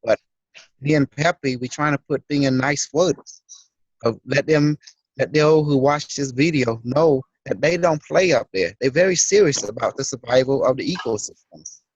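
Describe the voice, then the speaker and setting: A man's voice: mid-range voice, normal speed, slightly rough, no echo, lo-fi sound. A man speaking bluntly and matter-of-factly. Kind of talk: casual talk.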